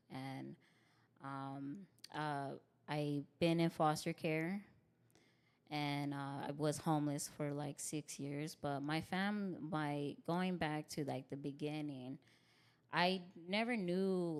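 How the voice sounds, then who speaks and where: A young adult stand-up from Tucson, Arizona, guests on a podcast for a laid-back interview, her deep, bassy voice darkish, clear and resonant. She's open and candid, quick to laugh, and uses frequent fillers such as "like" and "you know what I mean."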